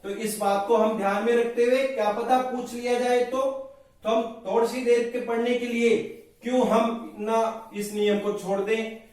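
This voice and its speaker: A man's voice: extremely high pitch, steady tone, a little slow, darkish tone. A man teaching Sanskrit grammar in a lecture, explaining step by step and asking and answering his own questions. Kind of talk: classroom lecture at a board. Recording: very echoey room, mic far off.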